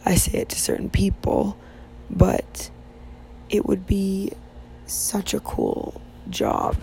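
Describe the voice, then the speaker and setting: Tired mom podcasting in a half whisper so the kid stays asleep, creaky low-key voice, faint room hum behind. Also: female voice, rough recording. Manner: soft, half-whispered talk while her child sleeps; rambling, with many restarts and fillers. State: sleepy, yawning. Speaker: podcast host. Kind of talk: casual faith podcast monologue.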